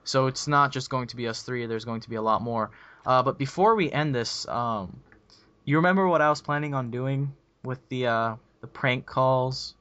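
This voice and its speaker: A young man chatting loosely on a podcast, full of ums and false starts. His voice is mid-pitched and comes through a dull, muffled headset mic. The sound is dry and close. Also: normal speed, a bit bright, dry recording. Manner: rambling, many ums and restarts. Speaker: podcast host. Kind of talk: casual podcast chat.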